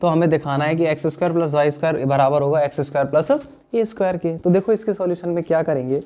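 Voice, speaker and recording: A man's voice: on the high side, quick pace, warm tone. A young man, teaching a maths lesson in a chatty way, often checking whether students understood. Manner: chatty, addresses students as "dear friends", asks "understood or not?". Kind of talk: classroom lesson explaining solutions.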